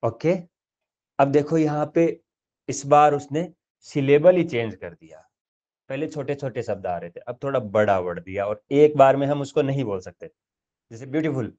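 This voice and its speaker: A man's voice: medium pitch, mellow, highs cut off. A man teaching English grammar, stretching out each example word and checking in often with his listeners. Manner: explains step by step, says example words slowly and drawn out; checks in often with "thik hai" and "dekho". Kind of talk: grammar lesson.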